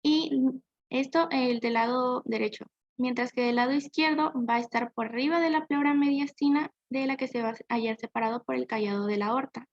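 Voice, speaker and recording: A young woman presents to her class in a high, gravelly voice, pausing on fillers and correcting herself as she goes. The recording is dry and dull, with a lo-fi edge. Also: no room sound. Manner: hesitant, frequent fillers and self-corrections. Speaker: student presenter.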